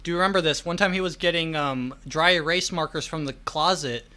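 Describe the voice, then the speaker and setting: A man's voice: fairly high pitch, a little fast, sharp tone, smooth. A young man hosting a podcast, chatting casually and telling stories in a joking, teasing manner. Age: young adult. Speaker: podcast host. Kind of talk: casual chat.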